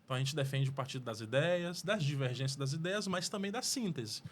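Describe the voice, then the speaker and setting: A man from Fortaleza, Brazil, with a Cearense Portuguese accent, speaks in a mid-range, expressive voice, a little fast, with slight background noise. He's a mayoral pre-candidate being interviewed in a podcast studio, talking earnestly and rambling with restarts.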